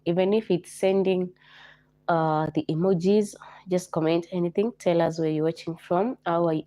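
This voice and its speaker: Low, mellow-voiced Kenyan woman hosting a livestream. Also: dry recording. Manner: repetitive, coaxing viewers to like and comment. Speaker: live stream host. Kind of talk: live stream chat.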